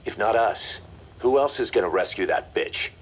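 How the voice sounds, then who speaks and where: An actor playing a mercenary second-in-command in a video game, briefing in a confident, matter-of-fact, commanding way. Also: male voice, on the low side, normal speed, close to an everyday voice. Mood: hard-nosed. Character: brisk, hard-nosed male mercenary second-in-command. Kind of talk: video game voice acting, mission briefing dialogue.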